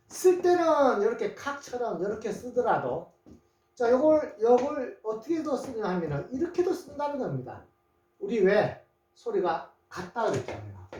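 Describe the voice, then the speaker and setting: An English teacher walks through a spoken lesson, going over each point again and again. The voice swings widely in pitch. It sounds roomy and set back from the microphone. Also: a little mellow. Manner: repeats each point, often starts with "자" and checks in with questions. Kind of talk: spoken lesson writing Korean letters in English. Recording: roomy, voice distant from the mic.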